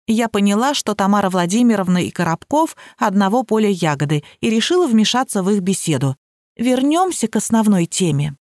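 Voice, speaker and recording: A woman narrating a novel in an even, measured reading voice, close to the mic. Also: medium pitch, dry recording. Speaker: audiobook narrator. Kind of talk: scripted narration.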